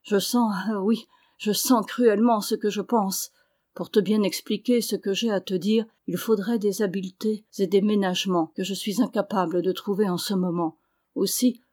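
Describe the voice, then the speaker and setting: Woman reading ailing elderly father, grave, measured, earnest, mellow voice, storybook reading. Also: mid-range voice, natural voice.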